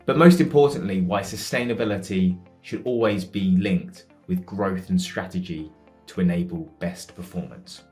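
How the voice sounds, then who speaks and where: A man's voice: deep voice, moderate pace, darkish tone, faint music behind. A man hosting a podcast, introducing his guest in an upbeat, welcoming way and asking questions with some fillers. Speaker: podcast host.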